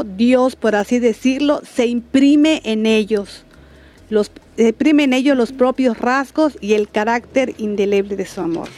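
Woman co-host, bit high voice, earnest about faith stuff. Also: darkish tone. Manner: earnest, explains faith teachings. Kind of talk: radio talk show.

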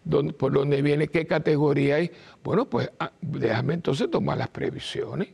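Gravelly priest preaching. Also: male voice, a little high, moderate pace, a little mellow. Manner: emphatic, repeats short no's, acts out quoted voices. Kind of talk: informal preaching talk.

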